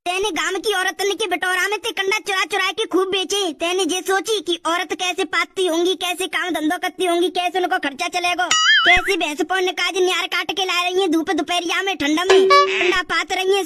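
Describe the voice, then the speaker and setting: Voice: extremely high pitch, fairly even intonation, normal speed, very noisy. A voice actor playing a bossy police inspector in a cartoon, lecturing and giving orders. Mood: scolding. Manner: scolding, ordering. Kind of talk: cartoon voice acting. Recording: loud music under the voice.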